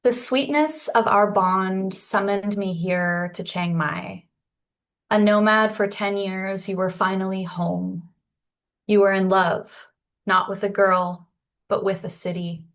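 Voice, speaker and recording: A woman from Canada with a Canadian accent, reading her poem slowly and evenly over a remote call. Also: medium pitch, fairly even intonation. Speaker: poet. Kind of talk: poetry reading.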